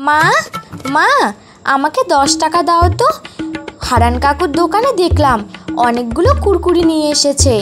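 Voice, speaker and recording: A little boy begs and wheedles in a high cartoon voice, voiced by a woman. Clear music runs behind. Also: expressive, moderate pace, long pauses. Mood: pleading. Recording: background music.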